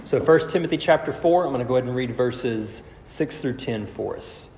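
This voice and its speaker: This expository sermon comes from a man of medium pitch with a darkish tone, speaking at normal speed; a slight hiss or hum is present. He's a pastor getting past a cold, walking his congregation through scripture step by step with rhetorical questions. The large room adds echoey reverb and dulls the sound slightly.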